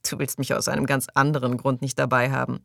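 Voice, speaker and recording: A woman reading an audiobook, voicing a shaken wife who speaks quietly and fearfully. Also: rumbling low, little pitch movement, fast, gravelly, dry recording, studio quality. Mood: frightened.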